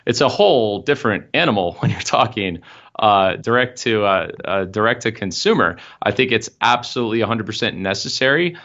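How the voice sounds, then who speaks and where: A young man who works as a marketing consultant explains how his firm operates in a video-call interview from his office. He speaks briskly and expressively in a lowish, slightly bright voice, with frequent fillers, and the call audio sounds dull.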